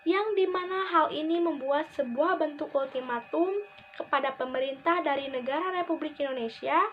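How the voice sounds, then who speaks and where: A young woman presenting a school history assignment, reading earnestly from notes with halting phrasing. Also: high voice. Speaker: student presenter. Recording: dull lo-fi recording with faint hiss.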